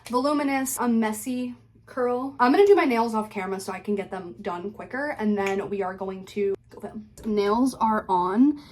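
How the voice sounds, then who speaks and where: A woman's voice: medium pitch, moderate pace, darkish tone. A young woman chatting casually through a home vlog, talking to the camera and filling her sentences with "like". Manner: chatty, says "like" a lot. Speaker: influencer vlogger. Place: home, bedroom and bathroom.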